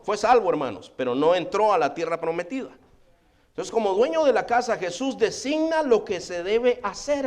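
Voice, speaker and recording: High-voiced preacher. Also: male voice, a little mellow. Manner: emphatic, repeatedly addresses listeners as brother. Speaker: pastor. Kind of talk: sermon.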